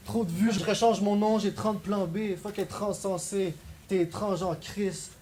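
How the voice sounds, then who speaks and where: High-voiced Québécois battle rapper. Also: male voice, fairly even intonation, a little slow, darkish tone. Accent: Québécois French. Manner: punchline-driven, taunting delivery. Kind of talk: a cappella rap battle verses. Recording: noisy live event recording.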